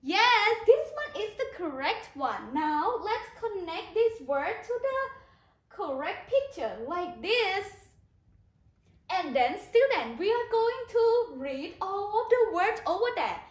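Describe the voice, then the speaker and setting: A woman with a Thai accent teaching an online kindergarten English lesson, hoarse from losing her voice, prompting the children in a slow sing-song with repeated questions. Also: very high voice, big pitch swings. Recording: echoey room.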